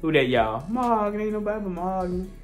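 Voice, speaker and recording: Racing along in a high-pitched voice with lively intonation, a man hosts a casual family vlog at home. He teases and coos at a baby before speaking straight to the camera for viewers, with soft music underneath.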